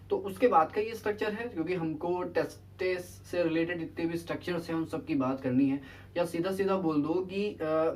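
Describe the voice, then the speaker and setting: A male teacher gives a relaxed biology lecture from a little way off the microphone, so his voice sounds distant. He poses questions to the class and answers them himself, checking in again and again. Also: high-pitched. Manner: quizzes students with rhetorical questions, then answers them himself; keeps repeating a check-in tag to students. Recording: voice distant from the mic.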